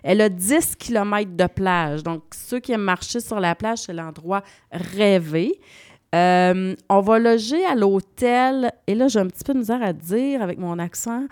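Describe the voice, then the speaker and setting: Québécois woman, travel columnist, dry close sound, lively explainer. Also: mid-range voice, a little slow, no echo. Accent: Québécois French. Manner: lively, explanatory, spells out place names. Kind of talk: radio travel segment.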